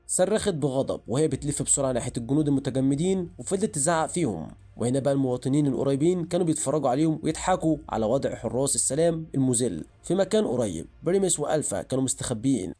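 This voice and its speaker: A man's voice: on the high side, mellow. A man with an Egyptian Arabic accent, retelling a comic book story as scripted narration.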